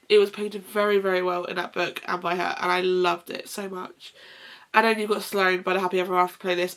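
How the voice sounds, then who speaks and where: A woman's voice: mid-range voice, gravelly, fairly bright tone. A young woman with a blocked nose, sounding nasal, chatting casually about books in a rambling, self-correcting, gushing way. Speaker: book vlogger. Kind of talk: casual chat.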